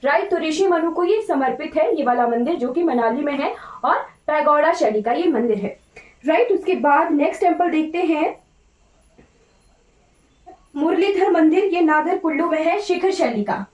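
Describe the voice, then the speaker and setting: A high-pitched Indian woman teaches an online exam-prep class in Hindi sprinkled with English terms, repeating herself instructively and frequently asking "right?". She sounds expressive and a little mellow at normal speed, though her voice is slightly off today. The recording is echoey and distant, with the highs cut off.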